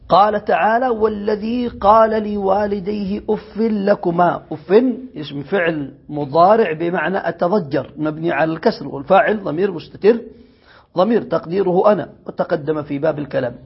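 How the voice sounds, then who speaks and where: Reading the text aloud, explaining it, and quizzing his students, a man leads a classical Arabic grammar lesson. His voice is high and a little rough, and the lecture recording sounds dull and lo-fi.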